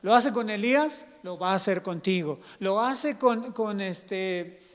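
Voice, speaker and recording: A male pastor preaches conversationally, slipping into acted-out scenes. His voice sits high for a man, and it rings out with a long church-hall echo. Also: measured pace. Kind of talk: sermon.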